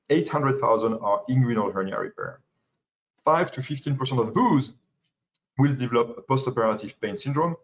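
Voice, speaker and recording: French-accented young man, medical webinar lecturer, halting delivery, mid pitch, dull lo-fi audio. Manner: halting, many fillers and restarts. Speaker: pain medicine fellow presenting.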